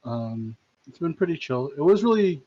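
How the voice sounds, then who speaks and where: Young guy, kinda high lively voice, hesitant and self-deprecating, lo-fi mic. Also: normal speed. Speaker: podcast cohost. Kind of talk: casual group chat. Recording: dull lo-fi mic.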